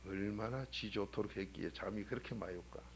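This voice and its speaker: A man preaching a sermon as a pastor, talking in a colloquial way and firing off rhetorical questions. He swings between loud exhortation and low, quiet asides. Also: fairly quick, a little hiss or hum. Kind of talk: early-morning sermon. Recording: 1997 church sermon recording.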